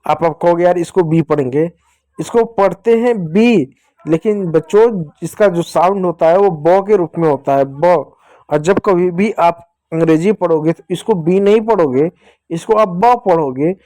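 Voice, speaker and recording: A man's voice: a little high, moderate pace, dark tone, dry recording. A young man teaching children English phonics, asking questions and answering them himself and repeating key points. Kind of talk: classroom-style phonics lesson.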